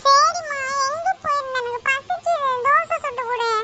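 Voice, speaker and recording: A woman's voice: very high-pitched, normal speed, no room sound, soft background music. A woman voicing a whiny, demanding young son in a cartoon who keeps calling for his mother, with a Tamil accent. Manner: whining, shouting for mother.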